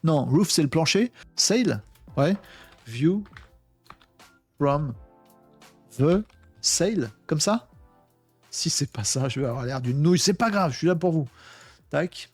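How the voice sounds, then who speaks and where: A man with a slightly high voice talks his way through a casual screen demo, filling pauses with hesitations and quips to himself. The sound is close and dry, with no room around it. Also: animated, slightly rough, dry recording, soft background music. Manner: chatty, thinks aloud, many fillers and self-talk. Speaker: tech video host.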